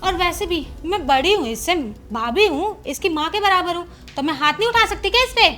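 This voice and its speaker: A woman's voice: extremely high pitch, animated, a little fast, bright, forceful tone, faint music behind, exaggerated voice. A woman playing a stern, motherly elder sister-in-law who scolds and justifies herself in a scripted family drama. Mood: defensive.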